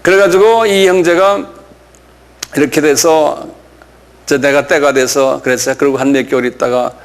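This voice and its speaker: An older man, a pastor, telling a story in a casual, conversational way during a lecture sermon, often pausing to say "yes". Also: fairly high pitch, fairly even intonation. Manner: conversational, folksy storytelling with frequent "예" affirmations.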